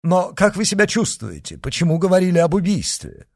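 Excitable noble prince in an audiobook, read by a man, high and eager. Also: brisk, no echo, clean studio sound, heavily acted. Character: excitable high-born young French prince.

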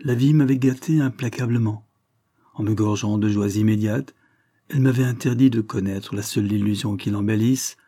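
A man giving a solemn, measured, expressive dramatic reading of a literary text. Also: fairly low pitch. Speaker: reader.

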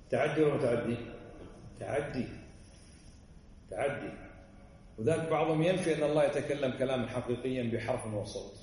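A man's voice: medium pitch, a little mellow. A man teaching a religious text in a lecture. He speaks emphatically and keeps firing rhetorical questions at his listeners. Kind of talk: lecture explaining a classic text. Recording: echoey hall, voice far from the mic, faint background noise.

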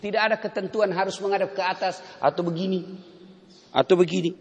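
A middle-aged male preacher giving a lively sermon, asking rhetorical questions, acting out little exchanges and slowly chanting prayers. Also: sits high. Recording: echoey hall with long reverb.

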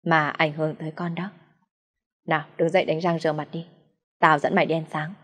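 A woman reading the lines of a blunt, caring young female friend who talks in a brisk, bossy way. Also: low voice, level tone, a bit bright, in a large hall.

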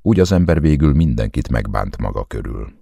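A man reading the lines of a grieving older woman in an audiobook, soft and consoling. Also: extremely low pitch, animated, creaky, no echo, clean studio sound, exaggerated voice. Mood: gentle.

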